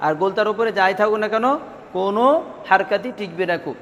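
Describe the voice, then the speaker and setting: A man's voice: high voice, steady tone, fast, a bit bright, big-room sound. A man teaching Quran recitation rules in a classroom, asking his students questions, repeating the answers and drawing out syllables as a drill. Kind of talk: classroom lesson.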